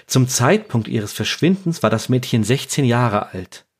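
A man with a slightly raspy voice, presenting as a podcast co-host in a scripted narrative style. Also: medium pitch, lively intonation, unhurried.

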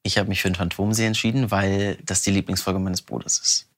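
A man, a voice actor, chatting animatedly in an interview, talking in quick bursts and often laughing. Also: low-pitched, flat delivery. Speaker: voice actor interviewed about his audiobook. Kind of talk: casual interview answers.

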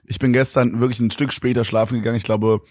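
A man's voice: medium pitch, level tone, fast talker, darkish tone, no room sound, clean studio sound. A young man co-hosting a podcast, telling a rambling story in slangy casual chat and laughing often. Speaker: podcast co-host.

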